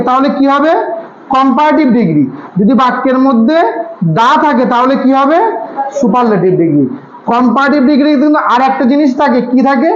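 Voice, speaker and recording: A man's voice: very high-pitched, a little hiss or hum. A man tutoring a class on grammar, asking his students questions and answering them himself. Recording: echoey room, slightly dull sound.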